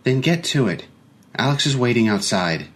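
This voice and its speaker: A man voicing a brisk, controlling woman who runs a household and scolds. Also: medium pitch, sing-song, a bit bright, pitched above the performer's own voice. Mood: curt. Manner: curt, scolding.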